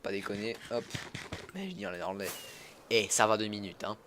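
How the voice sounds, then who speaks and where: There's vocal fry and background noise as a young livestreamer from Alsace, France, talks in a low, very animated voice at a fairly quick clip. With music behind him, he offers casual commentary on his game, greets chat viewers, and keeps correcting himself mid-sentence.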